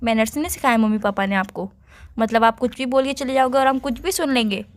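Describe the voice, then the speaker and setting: A woman's voice: a little high, brisk. A young woman teasing and lecturing her boyfriend in casual phone banter. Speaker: girlfriend on a phone call.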